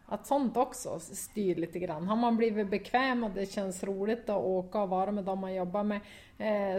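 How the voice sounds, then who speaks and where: Her voice is medium-pitched and a little mellow, carrying a broad Västerbotten accent from around Skellefteå in northern Sweden. She's an ex-player turned football pundit, answering interview questions casually, often laughing, hesitating and leaning on fillers.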